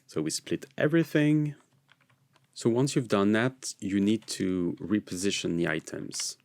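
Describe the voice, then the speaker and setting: Narrating a screencast tutorial informally and explaining as he goes, this man presents software in English, which isn't his first language, with an American leaning. His voice is deep and gravelly, and the recording has no room sound.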